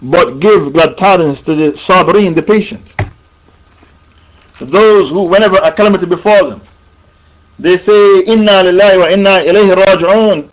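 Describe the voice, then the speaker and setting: A man's voice: high voice, moderate pace, dull audio. A man preaching a sermon, emphatic and repeating his points for the listeners.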